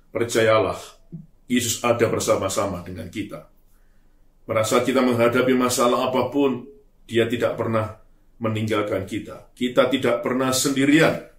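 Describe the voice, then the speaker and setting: A male pastor preaching a sermon in an earnest, emphatic way, letting phrase ends trail off softly. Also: mid-range voice. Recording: roomy echo.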